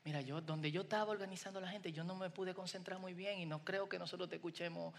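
A preacher acting out a worried, pleading disciple. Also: male voice, sits high, fairly even intonation, fast, gravelly, in a large hall. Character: worried male disciple pleading with his teacher.

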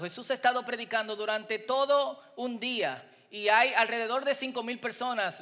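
A man's voice: high-pitched, pushed and bright, in a large hall. A man preaching a sermon in a conversational way, asking the congregation questions.

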